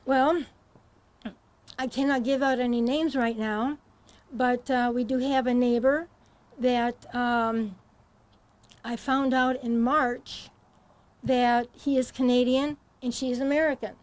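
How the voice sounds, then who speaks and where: A woman answering questions as a talk show guest, halting and hesitant with many pauses and ums. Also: high-pitched, steady tone. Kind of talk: studio interview answers.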